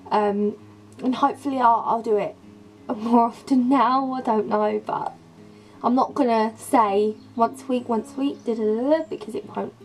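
A young woman, her voice a little croaky from a sore throat, pitched fairly high as she gushes and rambles about her things. She talks straight into a camera mic in her bedroom while soft music plays faintly underneath. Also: steady tone, normal speed, poor audio. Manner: gushing, rambling, enthusiastic. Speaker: beauty and lifestyle vlogger. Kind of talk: casual chatty vlog.

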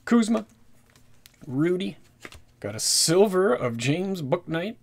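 A man chatting casually while opening trading card packs, rattling off player names and getting excited at good pulls. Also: high-pitched, slow, gravelly. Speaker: card-collecting YouTuber. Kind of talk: casual pack-opening commentary. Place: indoors at a desk with a card display backdrop.

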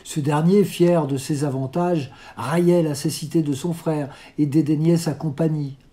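A reader narrating a classic novel aloud in a measured, unhurried literary reading. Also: medium pitch, steady tone, warm tone. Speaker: audiobook reader.

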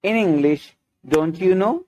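A male teacher reads English phrases at a very slow, careful pace. His voice sits a little high for a man. Each phrase comes out deliberately, often said twice. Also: warm tone. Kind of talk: slow bilingual language lesson.

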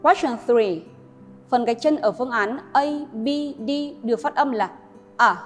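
A woman teacher, slowly modelling English sounds and explaining pronunciation rules to students. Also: fairly high pitch. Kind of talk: classroom lesson narration. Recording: long reverb with faint music.

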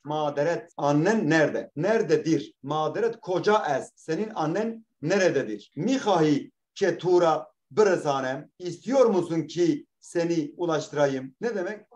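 A man's voice: a little high, lively intonation, moderate pace, a little mellow. A man teaching a language class, reading a text aloud and translating it line by line, often repeating words and asking questions that he answers himself. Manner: explains patiently, repeats words, asks questions and answers them.

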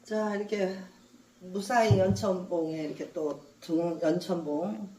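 A middle-aged woman, a traditional folk singer and channel host, talking in a solo hiking vlog from outdoors on a mountain peak. She is tired and strained from the climb and cheers loudly at each success. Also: fairly low pitch, fairly even intonation, measured pace, slightly rough.

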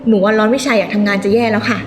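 An actress playing an arrogant, spoiled young heiress back from studying abroad, speaking with haughty scorn. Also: female voice, medium pitch, fairly even intonation, rapid-fire, lightly acted. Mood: playful. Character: spoiled rich young woman, arrogant, foreign-educated. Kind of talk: short drama acting. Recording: echoey room with music behind.

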